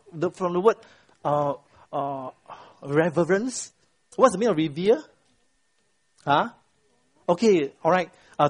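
Middle-aged male Bible teacher with a high, slightly raspy voice. He keeps quizzing the class. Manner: quizzes the class, constant "right?" tag questions; retells the story with lively voiced quotes. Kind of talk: interactive Bible lesson to a class.

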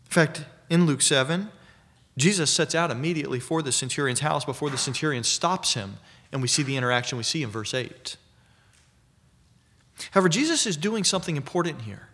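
Man, preacher, expository sermon, measured and emphatic, slightly high voice. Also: lively intonation, a bit bright. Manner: measured, emphatic teaching delivery.

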